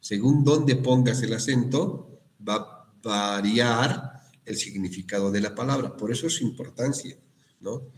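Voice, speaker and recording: A male teacher giving an online class on spelling and accents, explaining slowly with frequent checking questions and restarts. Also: mid-range voice. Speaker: university language teacher.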